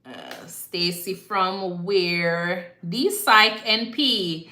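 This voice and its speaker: A woman's voice: fairly low pitch, sing-song, extremely slow, bright, forceful tone. Jamaican woman chatting in an echoey room. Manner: chatty, repeats herself, slips into patois phrasing. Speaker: nurse hosting a live Q&A. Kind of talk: casual live-stream chat answering viewer comments.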